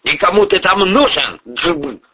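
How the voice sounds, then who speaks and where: A man voicing a bullying middle-aged male oligarch who barks insults and shouts, on an audiobook. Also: high voice, lively intonation, measured pace, husky, muffled recording, voice pushed up, exaggerated voice. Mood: scornful. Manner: barking, scornful, shouting insults.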